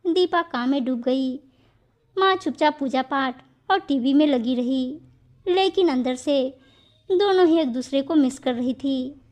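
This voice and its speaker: A woman narrating a scripted moral story with a steady, even reading. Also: sits high, measured pace.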